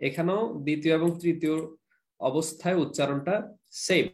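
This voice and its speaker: Male grammar teacher, Bangladeshi Bengali accent, slightly raised pitch, slow drilling delivery. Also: steady tone. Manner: slow, repeats examples and drills word forms. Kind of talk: classroom lecture.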